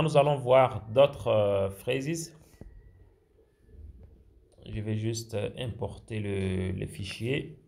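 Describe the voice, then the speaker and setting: Guy teaching english online, gravelly voice, slow and hesitant, lots of fillers. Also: mellow. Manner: speaks English phrases higher and slower. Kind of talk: screen-share language lesson.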